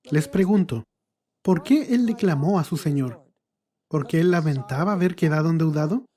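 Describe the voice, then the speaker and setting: A man's voice: a little high, animated, normal speed, mellow. A male pastor preaching a sermon, asking the congregation questions and answering them himself.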